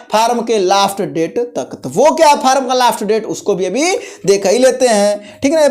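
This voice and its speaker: Speaking in a mid-range voice with a darkish tone, the host of a job-notification channel gives an informal rundown of exam and job information. Key points get repeated, and listeners are checked on frequently.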